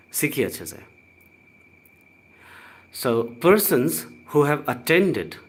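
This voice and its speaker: Indian guy teaching english pronunciation live, slow and careful, mid pitch. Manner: slow, deliberate, spells out letters and repeats words. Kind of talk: live online pronunciation lesson.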